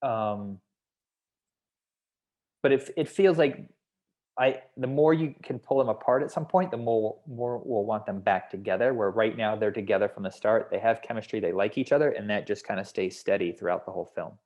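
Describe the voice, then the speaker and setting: At a table read, a man explains his script notes in a hedging, conversational manner, much like a consultant giving feedback. His voice is fairly low and a little mellow, at normal speed, and the audio sounds dull.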